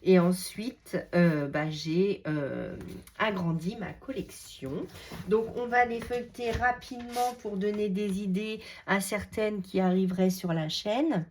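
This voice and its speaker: A woman's voice: mid-range voice, measured pace, a little mellow, a little hiss or hum. A woman hosting a craft channel, leafing through her collection in a casual, hesitant way with many fillers and enthusiastic repeats. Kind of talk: casual product show-and-tell.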